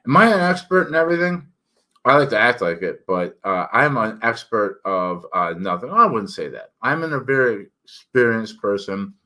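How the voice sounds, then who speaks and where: A man's voice: on the low side, a bit bright. A middle-aged man with thick, slightly slurred, tongue-heavy articulation, giving a candid, rambling, self-deprecating monologue as an author hosting his own channel.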